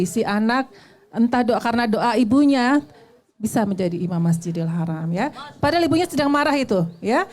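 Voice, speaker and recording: Woman, moderator, hesitant, filler-heavy, fairly high voice. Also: darkish tone. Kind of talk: moderating a discussion.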